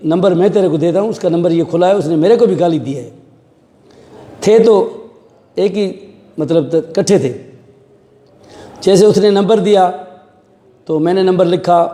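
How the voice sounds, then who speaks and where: A man's voice: high-pitched, warm tone. A middle-aged man, a police officer, telling an interviewer what happened and acting out the voices of the people he quotes. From Pakistan. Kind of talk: recounting events in an interview. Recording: echoey room with long reverb.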